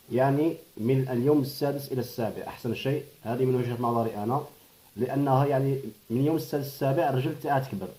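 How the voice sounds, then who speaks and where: A man with an Algerian Arabic accent who breeds pigeons, giving a hands-on how-to tutorial and softly murmuring blessings as he works. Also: mid-range voice, rough recording.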